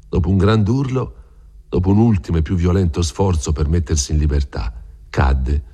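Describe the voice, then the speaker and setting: A man reading a classic novel aloud in a measured, expressive narration. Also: a bass voice, breathy edge. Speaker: audiobook reader. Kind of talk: dramatic literary narration.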